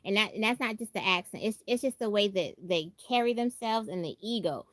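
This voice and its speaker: In studio quality with no echo, a medium-pitched woman speaks a little fast. Originally from Brooklyn, New York, she hosts a livestream with casual, expressive chat, repeats phrases for emphasis, and has an American accent with a country Southern tinge.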